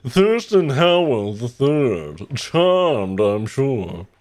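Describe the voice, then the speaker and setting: Haughty toothy rich yacht snob. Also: male voice, medium pitch, big pitch swings, very slow, darkish tone, pitched above the performer's own voice. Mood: smug, pompous. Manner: haughty drawl from the side of the mouth, toothy. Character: rich pompous yacht-owning snob, old-money braggart.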